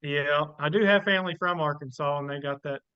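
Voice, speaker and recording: A man's voice: on the high side, a little fast, clear, resonant tone, no room sound, lo-fi sound. A man from Southeast Missouri with a Southern US drawl, chatting casually in a folksy way. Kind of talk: casual chat.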